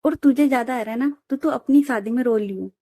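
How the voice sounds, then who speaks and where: A woman's voice: on the high side, a little fast, warm tone, no echo, studio quality. A woman voicing a blunt young bride who refuses to cry, exasperated, in a storybook reading. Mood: irritated. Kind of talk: storybook narration.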